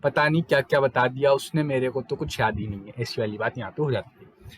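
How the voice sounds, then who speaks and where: A man's voice: medium pitch, fairly even intonation, a little fast, breathy edge. A young man giving a casual exam-prep lecture, mixing Hindi with English terms and asking rhetorical questions as he teaches.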